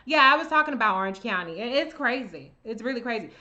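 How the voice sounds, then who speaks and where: Woman, livestream host, blunt, swears freely, chatty, bright edge, muffled low-fi sound. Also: expressive, fast. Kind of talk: live Q&A reading viewer comments.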